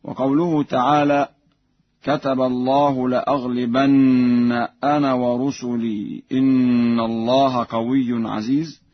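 A man teaching Quran recitation on the radio, explaining slowly and chanting verses in a drawn-out way. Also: mid-range voice, flat delivery, dry recording. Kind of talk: radio lesson with chanted examples. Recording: muffled lo-fi radio recording.

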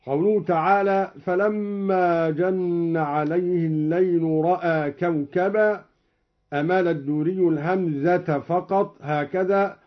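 A man teaching a recitation lesson, explaining each reading and then chanting the verse in a measured, melodic way. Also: sits high, steady tone. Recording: dull lo-fi recording.

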